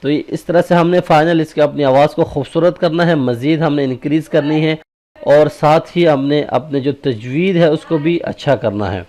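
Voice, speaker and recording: A man teaching a tajweed lesson on Quran recitation. He explains step by step, checks in with "okay?", and slows down into drawn-out recited examples. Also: a little high, darkish tone.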